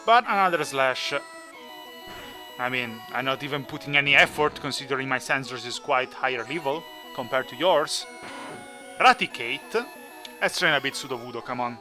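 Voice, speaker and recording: A man's voice: medium pitch, animated, moderate pace, over music. A man hosting a gaming video with casual, playful commentary, teasing the characters as he plays. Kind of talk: casual Let's Play commentary.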